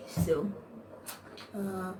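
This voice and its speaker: Her voice is on the low side with a steady tone, and she draws out her words. She's a young vlogger with a Nigerian accent who rambles through stories to camera, using lots of slang and saying "like" all the time. A distant mic and a noisy background mark the recording.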